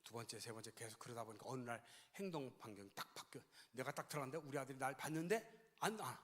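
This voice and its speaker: A man's voice: medium pitch, fast. Older man lecturing in an echoing church hall. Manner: animated storytelling, acting out dialogues. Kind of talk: sermon-style lecture. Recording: long church-hall reverb.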